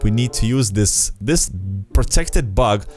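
Speaking slowly with lively intonation, a man in his twenties whose medium-pitched voice is a little mellow narrates his gameplay in a relaxed let's play, sometimes reading in-game dialogue. He's recorded close up on a desk microphone and headset in a small room while game music plays.

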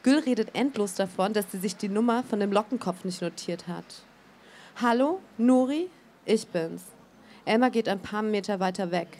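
A woman's voice: medium pitch, a little hiss or hum. Woman reading her novel aloud. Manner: calm, measured, even delivery. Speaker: author. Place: book fair stage studio.

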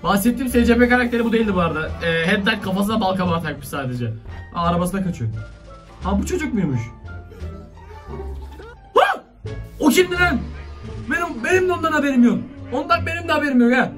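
A man with a strikingly high voice gives excited, slangy reaction commentary to his viewers. He sits back from the mic. Faint music plays behind him. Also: rapid-fire, far from the mic. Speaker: video reaction host.

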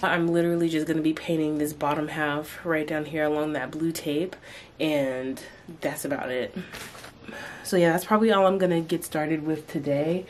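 Talking into a camera just inches from her face, a young woman rambles through a relaxed bedroom vlog, dropping "like" and "um" often. Her voice is deep and darkish, steady in tone at a moderate pace, with a little hiss or hum in the audio.

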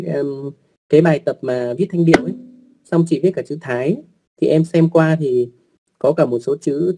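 A man with a dark, gravelly voice and a husky edge talks an online class through writing rules. He goes slowly and patiently, repeating words, adding fillers and polite asides to his learners. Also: a little high. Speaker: online language teacher.

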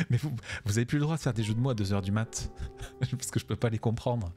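A man's voice: medium pitch, fairly quick, a little mellow, soft background music. A man casually commenting on a video game while streaming, chatty and jokey, thanking viewers by name. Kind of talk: casual let's-play commentary.

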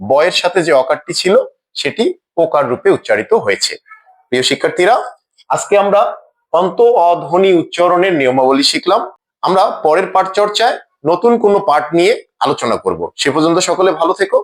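High-voiced man teaching a slow grammar lesson. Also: expressive. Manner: slow, deliberate, repeats each example word twice.

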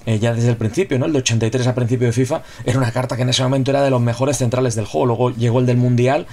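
A man's voice: medium pitch, fairly even intonation, racing, mellow. A man giving a casual, chatty video review of a football game card, often repeating himself and asking rhetorical questions. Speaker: gaming YouTuber reviewing a player card.

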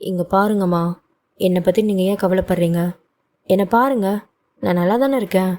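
A woman's voice: medium pitch, normal speed, dark tone, close to an everyday voice. A woman doing a coaxing young son. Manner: coaxing, brushing things off. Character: young adult man, cheerful son hiding his hurt.

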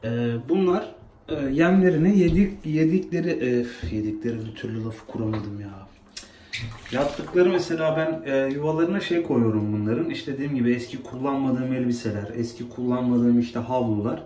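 A man's voice: mid-range voice, moderate pace, dark tone, a little hiss or hum. A man talking casually to his phone camera in a bathroom, coaxing and scolding his pets while he bathes them. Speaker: pet vlogger. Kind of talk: casual pet video chat. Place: bathroom at home, by a tub. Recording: echoey bathroom with running water. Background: water splashing in a tub.

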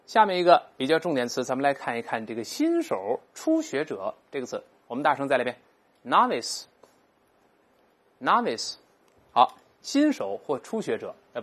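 An English teacher, giving a recorded vocabulary lesson and explaining patiently, repeating each English word slowly aloud for learners. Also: mid-range voice, big pitch swings.

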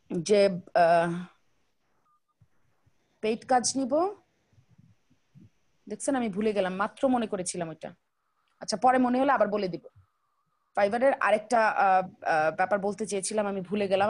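A woman's voice: medium pitch, dry recording. A young woman teaching an online class over a video call, chatty and colloquial, speaking directly to her students. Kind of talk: casual online class lecture.

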